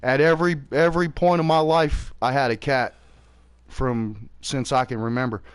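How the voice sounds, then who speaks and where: A man's voice: mid-range voice, steady tone, normal speed, clear, resonant tone. A man in his early forties, chatting casually and rambling, with lots of swearing, while he plays a game. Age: 40s. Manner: rambling, profane, laid-back. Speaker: streamer. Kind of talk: casual chat while gaming.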